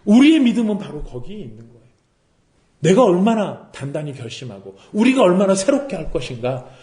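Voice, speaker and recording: A man's voice: sits high, very animated, brisk, warm tone, reverberant. A man preaching a sermon as pastor, asking rhetorical questions and acting out quotes. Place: worship service room.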